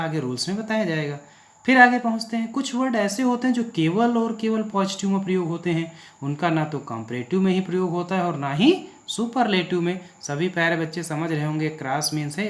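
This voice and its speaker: Man, teacher, teaching a class, asks and answers his own questions, reverberant room. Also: a little high. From India. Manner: asks rhetorical questions and answers them himself. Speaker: English teacher. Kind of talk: classroom grammar lesson. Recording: echoey room.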